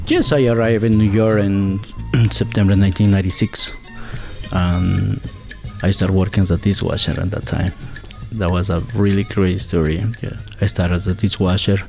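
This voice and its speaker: Gravelly low-voiced Ecuadorian man. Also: fairly even intonation, a little mellow, soft background music. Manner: halting, searching for words, second-language English. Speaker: guest, builder and former chef. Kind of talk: conversational interview.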